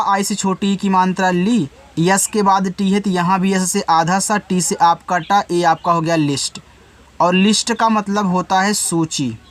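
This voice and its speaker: A man teaching beginners to read, patiently spelling words out letter by letter and speaking directly to the student. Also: sits high. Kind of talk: spelling and reading lesson for beginners.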